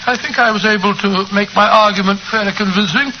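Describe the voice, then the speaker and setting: An actor playing a genial, loyal gentleman doctor with a fussy manner, in 1940s radio drama style. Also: high voice, fairly even intonation, fairly quick. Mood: earnest, wry. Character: genial, loyal gentleman doctor, detective's older-fashioned companion. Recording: noisy, muffled 1940s radio recording.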